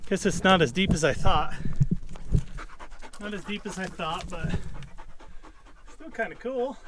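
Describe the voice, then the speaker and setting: A laid-back man narrates his afternoon hike in a casual vlog style, drawling slowly and musing aloud with plenty of fillers. His voice sits slightly high, picked up outdoors by a camera mic with a faint hiss behind him. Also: animated. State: out of breath at times. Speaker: outdoor adventure vlogger. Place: outdoors in a desert canyon.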